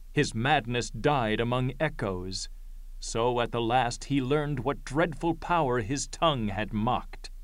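A man playing a grave chorus elder in a Greek tragedy, reciting verse with solemn, measured declamation. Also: mid-range voice, no room sound, lightly acted.

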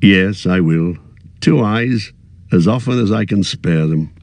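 A man reading aloud, voicing a grave, wise old male wizard in a slow, measured, thoughtful way. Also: deep voice, darkish tone, no room sound.

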